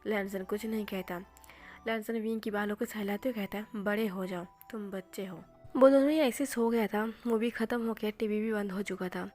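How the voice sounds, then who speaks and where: A woman storyteller retelling a fan fiction story in a plain, steady way. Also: mid-range voice, a little fast, faint music behind.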